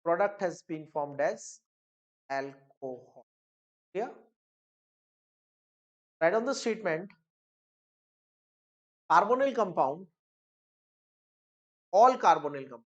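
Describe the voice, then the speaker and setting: A woman with an Indian accent teaching a chemistry lesson, switching between Hindi and English, explaining step by step, repeating key phrases and checking in with "okay?" and "clear?". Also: lowish voice, lively intonation, takes it slowly, long pauses, muffled recording. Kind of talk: classroom lecture mixing Hindi and English.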